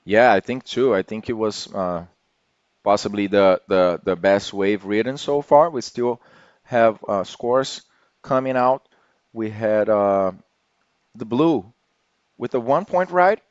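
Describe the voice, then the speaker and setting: A man's voice: on the low side, slow, dry recording, highs cut off. A man giving live sports commentary as one of the broadcast's commentators.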